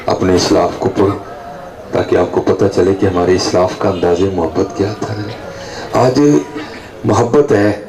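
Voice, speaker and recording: Gravelly low-voiced man preaching to a crowd. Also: darkish tone, low-quality recording. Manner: storytelling, rising pitch for emphasis, frequent "theek hai ji" checks. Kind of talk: devotional sermon at a gathering. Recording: crowd heard behind voice. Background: audience at a night gathering.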